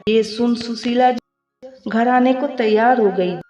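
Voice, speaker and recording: Brief: woman storyteller, slow moral-story narration, echoey and lo-fi. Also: fairly high pitch, dark tone, faint music behind. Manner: plain, moralizing telling. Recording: echoey, slightly muffled home recording.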